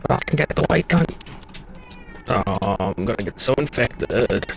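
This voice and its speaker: A man's voice: mid-range voice, animated, measured pace, vocal fry, slight background noise. A man streaming a game live, talking to himself in jumpy, panicky exclamations with plenty of swearing. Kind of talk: live gameplay commentary.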